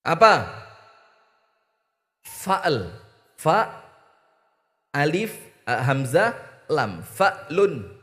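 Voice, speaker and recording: A man's voice: on the high side, sing-song, very slow, long pauses, a bit bright. A man with an East Javanese accent preaching a humorous sermon, teasing his audience and mimicking voices. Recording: reverberant hall.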